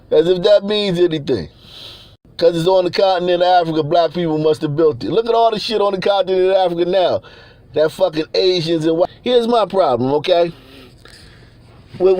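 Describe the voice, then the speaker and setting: A man's voice: high voice, a little mellow, no echo. A man from Nigeria in a heated, profane rant, blunt and repeating himself as he gets worked up. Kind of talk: heated ranting monologue.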